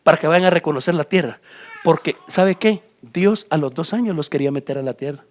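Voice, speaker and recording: His pitch is fairly high and his pace a little fast as this pastor from Guatemala preaches, his accent Guatemalan Spanish. Animated, he turns to his audience directly and indicates a map while speaking.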